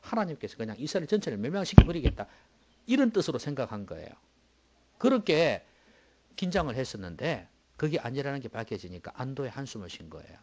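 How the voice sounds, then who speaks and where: In a fast, sing-song delivery, a pastor preaches his sermon, dropping into soft low asides one moment and erupting loudly the next. He keeps asking the congregation rhetorical questions.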